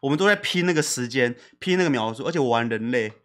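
A man's voice: mid-range voice, lively intonation, fast talker. A man in his thirties with a Taiwanese Mandarin accent, co-hosting a casual couple's podcast with teasing, joking banter and playful sound effects. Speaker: podcast co-host.

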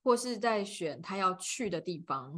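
A podcast co-host talking in a relaxed, casual way. She works through her ideas thoughtfully, with plenty of fillers. Her voice is bright, and her pitch moves freely. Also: normal speed. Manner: thoughtful, explains with many fillers. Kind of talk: casual chat.

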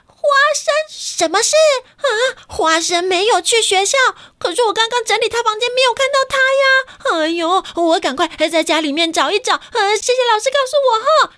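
A woman doing a frantic shrill peanut mom. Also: animated, unhurried, fairly bright tone, full character voice. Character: panicked fussy cartoon mother peanut.

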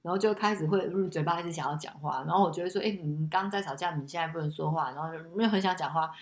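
Woman, podcast host, mother, low voice, fast talker, anecdotal storytelling, casual chat. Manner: lively anecdotal storytelling with many restarts.

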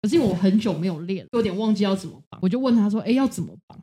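A woman, chatting on a podcast and telling animated stories, acting out what people said. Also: medium pitch, racing, breathy edge. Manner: animated storytelling, acts out quoted lines. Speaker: podcast guest. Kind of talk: casual podcast chat.

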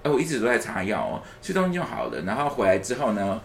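A man from Taipei with a Taiwanese Mandarin accent chats on a podcast. His voice sits low but swings widely in pitch, and he laughs often. There is a faint hiss of background noise. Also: wildly swooping pitch, fast talker, gravelly. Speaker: podcast host. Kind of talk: casual chat.

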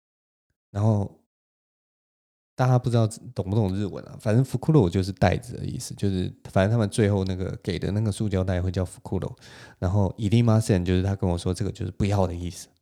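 A man hosts a solo podcast and tells a story in Taiwanese-accented Mandarin. His voice sits on the low side and sounds dark and mellow. He keeps the telling lively and breaks into small laughs along the way. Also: fairly quick, creaky. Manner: animated, laughs between lines. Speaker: podcast host.

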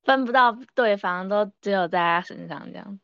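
A woman's voice: medium pitch, moderate pace, clear, resonant tone, dry recording. A woman with a Taiwanese Mandarin accent chatting casually as a podcast co-host, on a slightly lo-fi recording. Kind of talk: casual chat.

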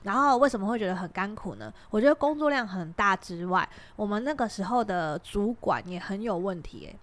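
Fast-talking Taiwanese woman telling a story. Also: mid-range voice. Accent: Taiwanese Mandarin. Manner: animated storyteller, acts out quoted bosses, laughs often. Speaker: podcast co-host. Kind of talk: casual chat, storytelling.

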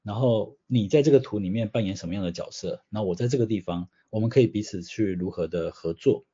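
Guest expert, male, low mellow voice, patient explainer; slightly dull recording. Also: fast talker, breathy edge. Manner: patient, explains through everyday examples. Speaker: guest, systems change consultant. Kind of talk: explanatory interview answers.

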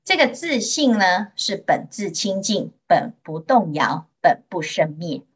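A Buddhist nun from Taiwan giving a Mandarin sermon in a gentle storytelling manner, with drawn-out particles and a Taiwanese accent. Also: female voice, fairly low pitch, big pitch swings, slightly rough. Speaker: Buddhist nun teaching sutra.

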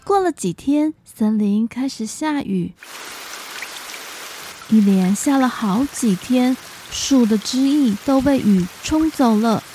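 High, bright woman reading to a toddler. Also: lively intonation, slow, soft background music. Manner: talks to small children as if reading to a toddler. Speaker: children's storyteller. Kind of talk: narrated children's story and quiz.

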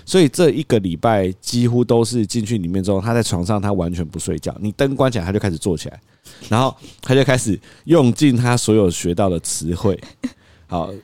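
A man, hosting a podcast and telling a story in a casual, animated way, acting out quotes and laughing often. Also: on the low side, a little fast, no room sound. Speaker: podcast host.

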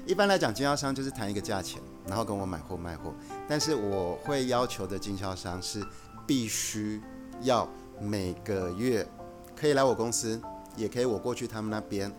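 A man with a fairly low voice talks through his views in a measured, earnest way, as a guest on a casual podcast. Soft instrumental music plays under him. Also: expressive. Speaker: guest, company executive.

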